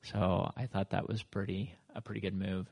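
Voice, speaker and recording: A man presenting on his wildlife work to an audience, halting and full of fillers and restarts as he tells stories from the field. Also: low-pitched, level tone, creaky, a little mellow, husky. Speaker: wildlife manager giving a presentation.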